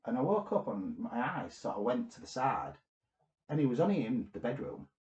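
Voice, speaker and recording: A man co-hosting a comedy podcast, telling a strange story with deadpan delivery and sudden shouted bursts. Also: medium pitch, normal speed, roomy sound, highs cut off. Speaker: podcast co-host.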